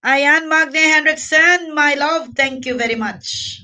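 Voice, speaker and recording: Out of breath yet chatty, a woman hosting a casual livestream thanks her viewers and mixes English into her Tagalog. Her voice sits high and sounds pushed and bright, delivered at a slow pace into a distant mic.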